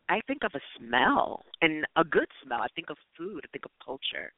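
A New York City man hosts a casual call-in podcast, gushing and effusive, full of slang and swearing. His voice is medium-pitched and smooth with no room sound, carried over tinny phone-line audio.

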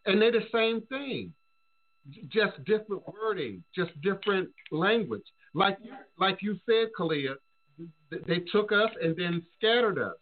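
An American man hosts a casual discussion in a fairly high voice. He reasons aloud haltingly, doubling back on words. The audio is slightly dull and lo-fi. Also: lively intonation. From United States. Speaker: show host.

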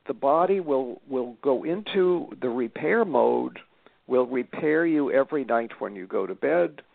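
A man's voice: mid-range voice, expressive, unhurried, vocal fry, no room sound. A man in his seventies, a guest author talking in an interview, emphatic, with many fillers and restarts. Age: 70s. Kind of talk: casual interview talk. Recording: tinny phone line.

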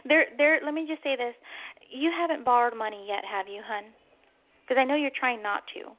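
A woman's voice: sits high, moderate pace, phone-quality sound. A woman giving a psychic reading to a caller, speaking in a soothing, reassuring way with affectionate endearments. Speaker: psychic medium, host.

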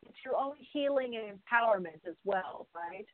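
Female host, thoughtful and unhurried in phrasing, mid-pitched voice, dry tinny phone-line sound. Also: animated, no room sound. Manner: reflective, many fillers. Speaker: interview host. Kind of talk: interview talk.

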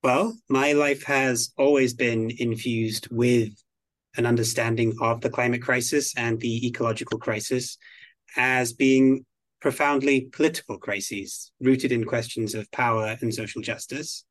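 A man from the United Kingdom being interviewed as a guest on a podcast, speaking in a measured, articulate way. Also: medium pitch, fairly even intonation, dry recording. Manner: measured, articulate, slow and deliberate. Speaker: guest expert on biodiversity.

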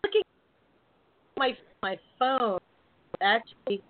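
A woman's voice: a little high, sing-song. A woman host heard over a badly breaking-up connection, her sentences stalling and trailing off. The sound is thin and phone-like, with a strong hiss underneath. Words drop out as the stream glitches. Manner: halting, trailing off mid-sentence. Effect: bad connection, audio breaking up and dropping out. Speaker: host of a live online show. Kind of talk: casual chat. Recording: tinny, noisy, glitchy online stream audio.

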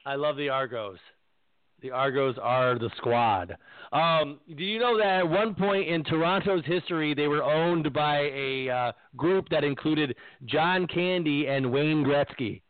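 A man hosting a casual sports chat, animated and ranting, laughing often. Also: on the high side, a little slow, no room sound. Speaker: podcast host. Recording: tinny phone-like line.

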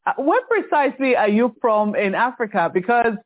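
A man hosting a TV interview show from a studio. He reads his introductions and asks questions in a measured, formal and courteous way. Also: extremely high pitch, lively intonation. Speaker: TV talk show host. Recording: tinny phone-like rebroadcast.

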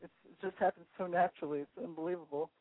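A woman in her fifties calls in as a guest for a casual phone chat, speaking eagerly and repeating herself for emphasis. Her low-ish voice is steady and rapid-fire, heard over a dry phone line with no room sound.

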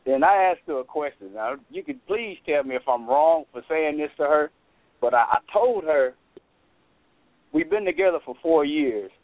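A man from Texas calling in to a radio show over the phone, talking casually and clearing his throat now and then. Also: on the high side, normal speed, dry recording. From Texas, USA. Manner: relaxed and conversational, clears his throat often. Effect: calling in over a phone line to a radio show. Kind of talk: casual call-in chat. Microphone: telephone. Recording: tinny, dry phone line.

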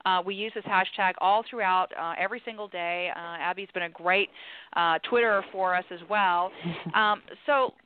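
A woman's voice: medium pitch, moderate pace, slight background noise. A woman hosting a talk radio show, giving conflict coaching advice in a friendly, chatty way with frequent restarts. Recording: phone-like dry lo-fi sound.

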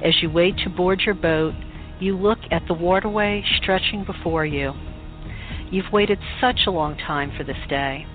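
A woman leading a guided meditation in a calm, soothing, unhurried voice with pauses. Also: lowish voice. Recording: muffled phone-like recording with music. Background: meditation music.

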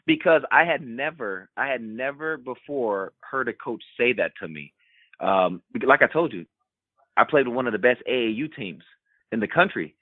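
A man guesting on a podcast, telling a story from his playing days with animated energy and repeated words for emphasis. His voice comes through a narrow, phone-like line with no room sound. He sits in the middle pitch range for a man. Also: no echo. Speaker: podcast guest, former college basketball player. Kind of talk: candid storytelling in a podcast interview. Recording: tinny remote call line, dry.

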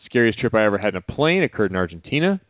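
Wry low-voiced man on a tinny line. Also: racing, no echo. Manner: wry, deadpan joker. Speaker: radio show co-host. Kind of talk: casual chat. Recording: dry, phone-like narrow sound.

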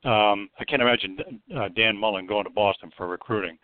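A man from Florida calling in to a radio show over the phone, chatty and rambling as he piles on quick points. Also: fairly low pitch, fairly even intonation, dry recording. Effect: heard over the phone. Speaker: radio call-in caller. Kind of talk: casual call-in chat. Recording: tinny phone line, dry.

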